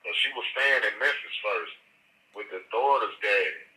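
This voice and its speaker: A thin, distant prison phone line carries a middle-aged man. His voice is on the low side with a very hard, bright edge. He tells stories loosely, in colloquial street slang. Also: lively intonation, normal speed. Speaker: incarcerated interviewee. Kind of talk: conversational storytelling on a prison phone. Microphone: prison telephone.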